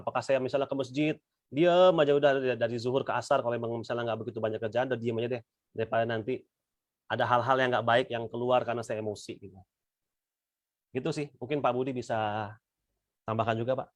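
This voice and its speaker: A man's voice: mid-range voice, dry recording. Man in middle register teaching a faith session over a video call, chatty delivery, dry sound. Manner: relaxed conversational, addresses listeners as "Bapak Ibu". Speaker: speaker at a weekly religious study session. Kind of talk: informal religious teaching.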